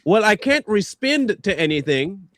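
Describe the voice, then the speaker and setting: Man, high voice, very lively pitch, animated mocking banter, livestream co-host. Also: no echo, clean studio sound. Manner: animated, mocking, quick to laugh.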